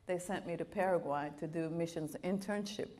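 A middle-aged woman missionary, raised in Bolivia, preaches as a guest speaker in a church auditorium with a stage, holding a handheld microphone at the pulpit under a wide camera shot. Her fairly low voice, at normal speed, carries a slight foreign accent from her Italian and Latin American upbringing. She tells personal stories in an animated sermon, laughing and using playful quoted voices.

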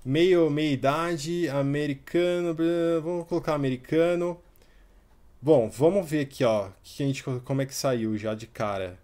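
A man, hosting a casual software tutorial and talking while he clicks through a website, with frequent fillers. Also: on the high side, measured pace. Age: 30s. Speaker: tutorial host.

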